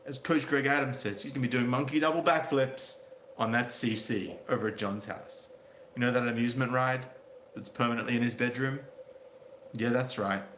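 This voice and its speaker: A man's voice: medium pitch, moderate pace, fairly bright tone. Male commentary host, blunt and sardonic, casual read-and-react delivery, roomy echo, faint noise behind. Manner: blunt, sardonic, crude asides. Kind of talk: reading out a story with casual commentary.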